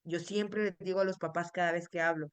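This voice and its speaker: A woman's voice: on the low side, fairly even intonation, brisk, clean tone, dry recording. A woman neuropsychologist leading a parenting workshop, explaining earnestly to parents and tagging almost every phrase with a questioning "right?". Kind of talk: online workshop talk.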